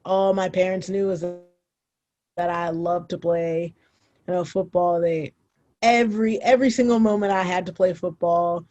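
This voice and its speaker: A woman's voice: lowish voice, steady tone, a little slow, dark tone, muffled recording, soft background music. A young woman, a former college footballer, casually telling her story as a podcast guest, with many fillers and restarts.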